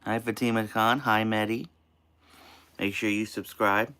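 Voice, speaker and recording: An American man from Maine hosting a casual live stream of tips from inside an RV, halting and restarting his phrases. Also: on the low side, fairly even intonation, pushed and bright, smooth. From Maine, United States. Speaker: host of a live show.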